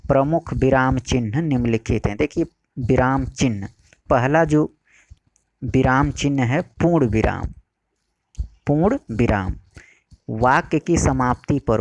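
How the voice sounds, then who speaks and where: A man teaching a Hindi exam-prep lesson, explaining slowly and repeating key phrases. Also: medium pitch, vocal fry, dry recording.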